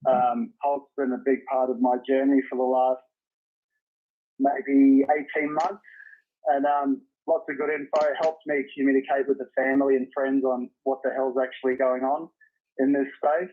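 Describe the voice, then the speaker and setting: A man's voice: medium pitch, flat delivery, normal speed. Australian man calling in by speakerphone. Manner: chatty and appreciative. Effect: heard over a phone on speakerphone. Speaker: caller. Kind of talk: casual call-in chat. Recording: tinny phone line on speakerphone.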